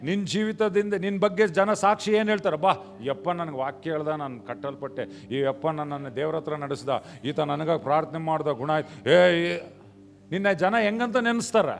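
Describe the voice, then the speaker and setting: A male pastor preaching a sermon in a church, mixing in English phrases, swinging from quiet acted dialogue to shouted peaks. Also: fairly high pitch, normal speed, vocal fry, slight background noise. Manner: mixes English phrases into Kannada.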